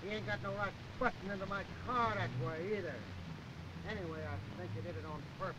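An actor playing a big brutish driver spoiling for a fight, in a loud, dopey, slow bellow, 1930s film style. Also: male voice, high-pitched, lightly acted. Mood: belligerent. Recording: dull, noisy 1930 film soundtrack.

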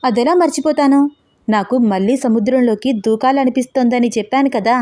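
A woman's voice: fairly high pitch, brisk, dark tone, no room sound, studio quality, close to an everyday voice. A woman voicing a playful young woman who teases her fiancé with coy remarks. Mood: teasing. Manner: teasing, coy.

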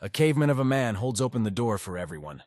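A voice actor, the narrator and lead, plays a jaded, awkward teenage boy, a human student narrating his own life in first-person visual novel narration and dialogue, with wry detachment. His medium-pitched voice is very animated, fast, darkish, and close to an everyday voice. The recording is dry and clean, with studio sound.

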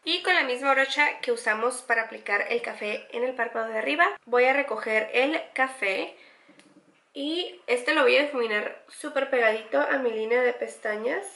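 A pregnant young beauty vlogger walks viewers through a makeup tutorial, chatty and enthusiastic, repeating words for emphasis. Her voice sits on the high side with a sharp tone at a normal speed, and the room sounds spacious.

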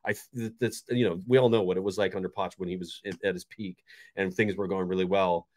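This man in his forties runs a fan channel and rambles with enthusiasm in a casual post-match chat, starting over many times. His low, somewhat dark voice moves briskly with fairly even intonation. The audio is studio quality with no room sound, though he's in a bright bedroom.

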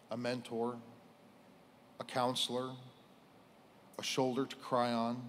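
An American man in his forties delivers a prepared funeral speech in a solemn, measured way, pausing between short phrases as a police chief at a lectern. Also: medium pitch, a little hiss or hum. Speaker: police chief giving a eulogy. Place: indoors on a stage at a lectern. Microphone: lectern microphone.

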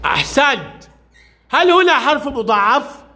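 A male primary teacher runs a reading drill in a classroom, firing off brisk questions and praising each child's answer. His voice sits very high for a man, with a bright, forceful edge. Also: sing-song. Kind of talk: classroom lesson with young pupils.

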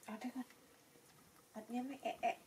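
Perched on a bed in a small room, a young adult woman caring for a pet monkey chats to her animals in a coaxing way, repeating short words, her voice high-ish and darkish, flat in delivery and a bit quick. The camera mic sits some distance away, so background noise comes through clearly.

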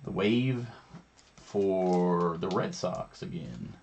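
A man's voice: low voice, drawn-out words, gravelly, slight background noise. A man hosting a live card break, naming each card as he opens packs and chatting casually with viewers. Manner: names each card in a steady running commentary. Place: indoor studio with a branded backdrop.

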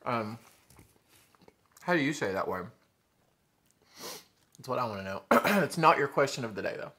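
At medium pitch and a moderate pace, this animated Southern guy in his thirties hosts a casual eating show with a bright, forward tone. Chatty and chewing between remarks, he calls viewers y'all. He sits in a living room with a sofa and window blinds, facing a camera at table distance.

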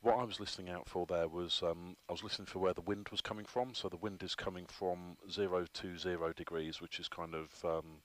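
Deep-voiced flight instructor. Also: male voice, steady tone, fairly quick, hardly any pauses. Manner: patient, explaining step by step with many ums. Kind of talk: hands-on instruction. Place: flight simulator cockpit.

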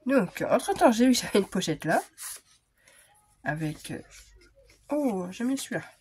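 A woman vlogging casually as she unpacks scrapbooking supplies, thinking aloud with frequent hesitations and quiet murmured asides. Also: medium pitch, sing-song, moderate pace, breathy edge. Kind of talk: casual unboxing chat.

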